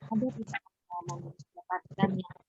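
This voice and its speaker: A woman moderating an online panel from home. She asks questions in short, halting phrases, and her call audio keeps breaking up and cutting out. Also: on the low side, fairly even intonation, dark tone. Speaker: webinar moderator. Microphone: video call. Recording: dull lo-fi call line with faint noise.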